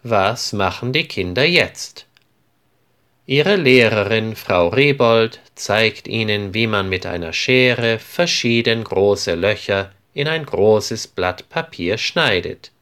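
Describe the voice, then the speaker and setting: A man narrating a children's story slowly and clearly, in an articulated reading style. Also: on the low side, lively intonation, fairly bright tone. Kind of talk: storybook narration for language learners.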